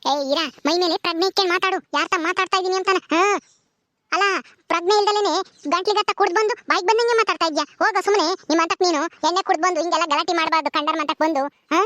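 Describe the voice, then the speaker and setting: A woman acting a sharp-tongued village mother-in-law who scolds and nags. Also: very high-pitched, fairly even intonation, very fast, dry recording. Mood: scolding. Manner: scolding, nagging, ends lines with "ha?".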